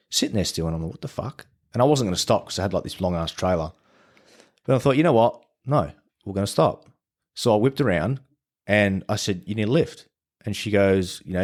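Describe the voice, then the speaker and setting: An Australian man, a podcast guest, telling stories in casual chat, swearing freely and acting out what people said. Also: sits low. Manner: swears freely, animated retelling of conversations. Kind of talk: casual storytelling.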